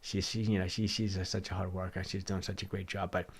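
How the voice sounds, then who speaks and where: This middle-aged livestream host sits low in pitch and keeps a level tone while talking fast, his voice a touch hoarse from a cold. Casually rambling through viewer questions, he repeats words and keeps restarting his sentences.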